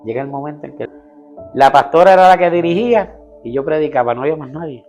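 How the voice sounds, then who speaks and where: A man's voice: fairly high pitch, quick pace, a little mellow, faint music behind. Earnest pastor, man with a raised voice. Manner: earnest storytelling, acting out quoted dialogue. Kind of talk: personal testimony in an interview.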